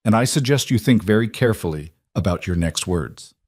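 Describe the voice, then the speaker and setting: A man gives voice to a dangerous, powerful man in a storybook audio drama, low and unhurried, calm and absolutely certain. The quiet menace sits under every word, close and dry. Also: breathy edge, no echo.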